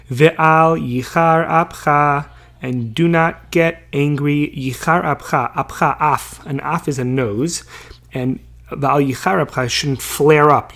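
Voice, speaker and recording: A man teaching a Bible passage in a casual way. He reads each verse slowly, translates it, and checks in with listeners as he goes. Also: medium pitch, a bit bright. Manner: chatty, many fillers and checking questions.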